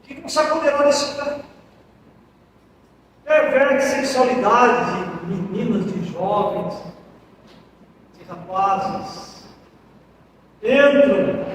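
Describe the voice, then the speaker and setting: A man preaching a sermon as pastor, impassioned, swinging between loud cries and hushed pleas. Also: sits high, far from the mic, slight background noise. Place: church sanctuary. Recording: echoey church hall, mic heard from afar.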